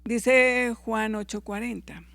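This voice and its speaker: With a mid-range, level voice that has vocal fry and a sharp edge, a Bible teacher moves slowly through a class with no echo. Scripture gets read aloud, mistaken verse references are corrected, and listeners are checked on with brief tag questions.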